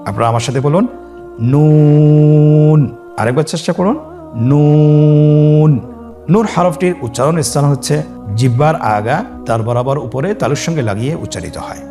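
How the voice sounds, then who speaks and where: A man's voice: mid-range voice, darkish tone. A man teaching Quran reading step by step, stretching each letter name for listeners to repeat. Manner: drawn-out, sung letter names for listeners to repeat. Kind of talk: scripted lesson on Arabic letters.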